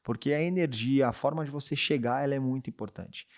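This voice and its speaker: A man talks casually on a podcast, coaching sales brokers in a loose, conversational way. He keeps checking in with the listener through short tag questions, and his pitch sits in an ordinary middle range. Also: a little fast. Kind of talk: casual advice talk.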